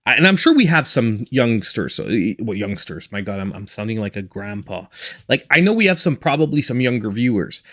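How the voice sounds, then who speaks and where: A man's voice: mid-range voice, big pitch swings, a little fast, a bit bright. A man in his forties chatting casually and in a reserved way while he live-streams a game as host. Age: 40s.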